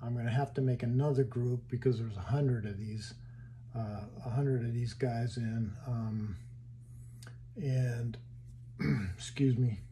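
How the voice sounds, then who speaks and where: A man casually walking through his hobby wiring build in a home workshop, halting and thinking aloud as he handles parts. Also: medium pitch, mellow, a little hiss or hum.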